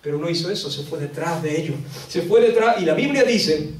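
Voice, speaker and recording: A man from Spain with a Spanish accent preaching a sermon at a church retreat, dramatic, swinging between loud outbursts and hushed lines. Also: a little high, expressive, brisk, slight background noise. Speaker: pastor. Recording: echoey room, distant mic.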